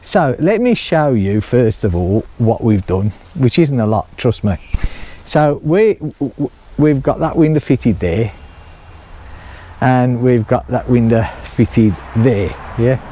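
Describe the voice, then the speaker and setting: A man's voice: medium pitch, lively intonation, slow, dark tone. A middle-aged man chatting casually to camera outdoors, rambling and laughing often as he explains his building work. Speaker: vlogger building a chalet.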